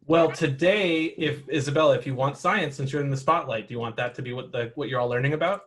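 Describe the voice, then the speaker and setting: A man's voice: medium pitch, quick pace, fairly bright tone. Patient man guiding kids through a game. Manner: patient, encouraging, explains rules step by step. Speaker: game master. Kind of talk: narrating a tabletop game for children.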